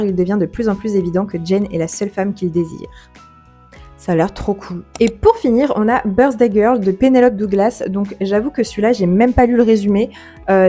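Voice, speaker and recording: A young woman chatting casually to camera on her book vlog, filling her talk with fillers and quick self-corrections. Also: mid-range voice, dark tone. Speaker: book vlogger. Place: holiday home on vacation.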